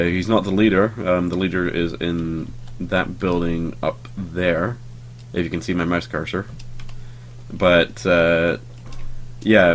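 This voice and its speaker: A low voice, slightly backed by noise, belongs to a young let's play host just over a cold. He talks casually and sleepily through the game he's playing, rambling with lots of fillers and offhand swearing.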